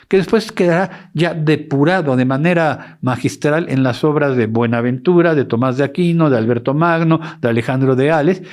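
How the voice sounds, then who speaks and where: Male lecturer, somewhat high voice, animated delivery, self-correcting as he explains. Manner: animated, often stops to correct himself. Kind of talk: educational lecture.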